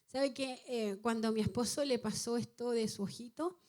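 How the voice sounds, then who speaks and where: A woman's voice: fairly high pitch, normal speed, darkish tone. A woman pastor preaching a Sunday sermon and praying from the front of a church, chatty, often laughing and putting questions to the congregation.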